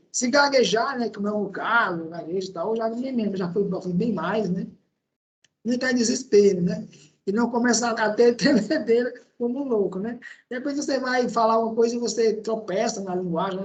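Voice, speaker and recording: A man with a Brazilian accent giving an online lecture as an instructor. He talks in a conversational way, with frequent tag questions and hesitations. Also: high-pitched. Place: indoor room at a laptop. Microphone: laptop microphone.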